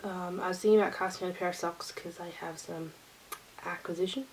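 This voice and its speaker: A woman's voice: fairly low pitch, fairly even intonation, brisk, a little hiss or hum, rough recording. A woman hosting her own knitting vlog, talking to camera in a rambling, easygoing chat. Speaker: knitting vlogger.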